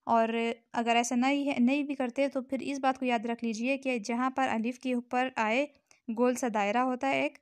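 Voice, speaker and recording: A woman with a Pakistani Urdu accent teaching Quran recitation rules, patiently repeating each word slowly and checking in with her listeners. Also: sits high, steady tone, no room sound. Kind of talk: tajweed lesson explanation.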